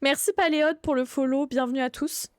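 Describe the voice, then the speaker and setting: High-voiced woman streaming a horror game. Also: fairly even intonation, a little fast, no room sound. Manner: chatty, greets viewers warmly by name, swears casually. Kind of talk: live gaming stream commentary.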